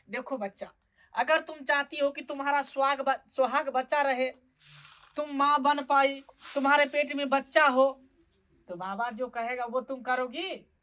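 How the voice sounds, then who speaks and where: Sketch: chuckling lecherous fake godman with a lilt, voiced by a woman, bright tone, higher than usual. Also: measured pace. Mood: coaxing. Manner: sly, wheedling, chuckles often. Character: sleazy lecherous fake holy man, male, middle-aged. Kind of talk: comic sketch acting.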